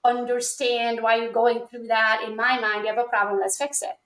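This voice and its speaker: A woman's voice: a little high, level tone, a bit bright, echoey room, low-quality recording. A woman from Romania, hosting an interview and speaking bluntly. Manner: blunt and quick-talking. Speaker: interview host. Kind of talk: casual interview.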